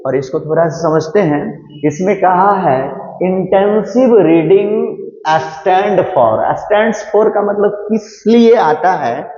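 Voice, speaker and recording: Male teacher, fairly high voice, lo-fi echoey room, patient step-by-step exam coaching. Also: a little mellow. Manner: explains step by step in Hindi, reads English options slowly. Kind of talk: exam-prep lecture. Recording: echoey room, dull lo-fi sound.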